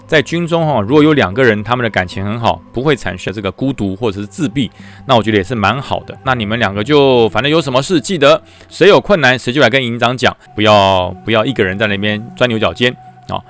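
A man with a Taiwanese Mandarin accent tells a story in a chatty, animated way and slips in and out of voices for each character. His voice sits in a middle pitch, and soft music plays faintly underneath. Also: quick pace. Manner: lively, chatty, acts out the voices. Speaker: storyteller, former battalion commander. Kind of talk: storytelling podcast.

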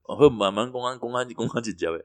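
A man with a Taiwanese accent, co-hosting a podcast in casual joking banter, mixing in Hokkien and breaking into loud laughs. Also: medium pitch, fast talker, no room sound, clean studio sound. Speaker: podcast co-host.

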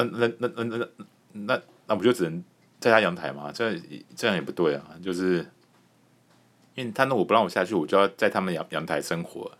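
A man with a very low voice tells a comic story from his own life, his pitch swinging widely as he goes. He hosts a podcast and laughs often between lines. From Taiwan. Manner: animated, laughs often while telling. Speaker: podcast host.

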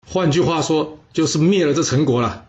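A man's voice: on the high side, normal speed, darkish tone, lo-fi sound, pitched above the performer's own voice, lightly acted. A man voicing a smug, calculating ancient king who speaks offhandedly in a told story. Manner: offhand, self-satisfied.

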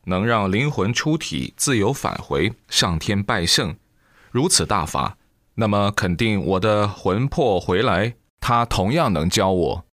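An earnest young monk pleading in urgent bursts, as a male narrator reads him. The voice is lowish and the recording dry and close. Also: lively intonation, measured pace, fairly bright tone, no room sound. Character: devoted male monk student, earnest and frantic.

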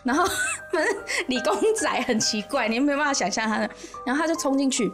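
A woman with a Taiwanese Mandarin accent, hosting a podcast and telling a spooky story in a casual, animated way, often laughing as she goes. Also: high-pitched, fairly quick, music in the background. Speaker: podcast host.

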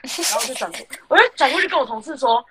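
Animated Taiwanese woman telling stories. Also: high-pitched, very fast, a crowd in the background. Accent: Taiwanese Mandarin. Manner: animated, acts out the voices of customers and friends. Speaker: podcast host. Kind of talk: casual storytelling chat.

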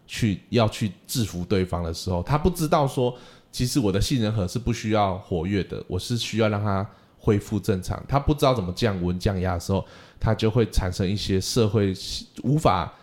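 A man with a low voice talks quickly in a relaxed podcast chat. He tells classroom stories with lively energy and slips into a high whiny voice to mimic crying children. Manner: animated storytelling, acts out crying kids in a high voice. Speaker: podcast co-host, music teacher.

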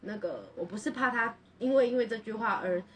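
A woman's voice: fairly high pitch, a little fast, distant mic, slight background noise. A young woman, a podcast co-host telling a personal story in an earnest, rambling way full of restarts.

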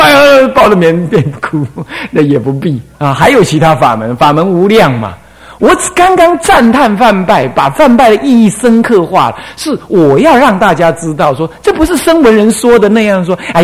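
An older man from Taiwan gives a Buddhist teaching with the easy authority of an abbot. His voice is slightly husky and sits a bit high. It rises and falls widely as he slips into chanted and sung demonstrations. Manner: demonstrates singing and chanting, animated and playful. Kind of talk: Buddhist dharma lecture.

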